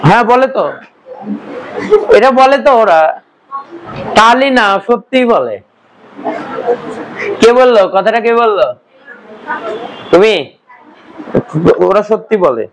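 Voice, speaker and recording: High-voiced man quizzing a class. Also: lively intonation, takes it slowly, pauses often, slight background noise, low-quality recording. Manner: quizzing students with repeated questions. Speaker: Bengali grammar teacher. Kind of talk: classroom lecture.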